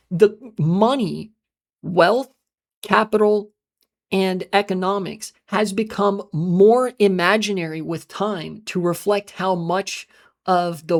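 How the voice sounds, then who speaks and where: With a mid-range voice, an American live streamer rambles casually, swearing often, trailing off into filler sounds and replying to chat messages.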